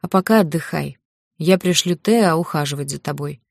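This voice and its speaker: A woman voicing a kindly, stern male elder who speaks softly and fatherly in an audiobook. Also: low voice, normal speed, vocal fry, dry recording, clean studio sound. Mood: gently stern.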